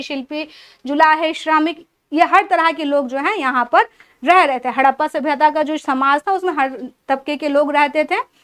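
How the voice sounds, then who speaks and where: A high-pitched woman teaching an exam-prep history class. She explains each point step by step, poses questions to her students and answers them herself, and runs through long lists item by item. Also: a bit bright. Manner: lists items one by one.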